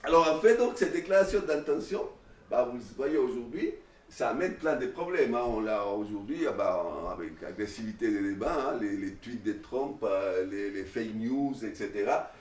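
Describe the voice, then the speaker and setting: A man giving an informal classroom lecture, animated, with many restarts and fillers. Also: mid-range voice, moderate pace. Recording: echoey room, mic far away.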